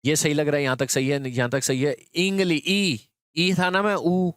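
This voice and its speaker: Guy teacher doing an exam grammar class, clear smooth voice kinda high, walks through it step by step, dry close sound. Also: steady tone, normal speed, fairly bright tone, dry recording. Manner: explains step by step, often checks in with students. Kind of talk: exam prep grammar lesson.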